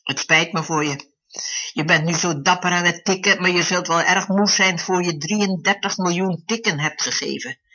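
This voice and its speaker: Preacher doing a tired old shop clock, gloomy, husky and dull-sounding, kinda low. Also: moderate pace, pushed and bright. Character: weary old wall clock, gloomy and pitying. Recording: dull lo-fi recording.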